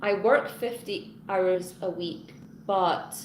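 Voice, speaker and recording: A woman's voice: fairly low pitch, slow, darkish tone. A woman hosting a casual live stream from her home and chatting with viewers. She rambles, restarts her sentences and greets commenters by name as she goes. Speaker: live-stream host, teacher. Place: her home in Hong Kong. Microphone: phone front camera. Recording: echoey room with background noise.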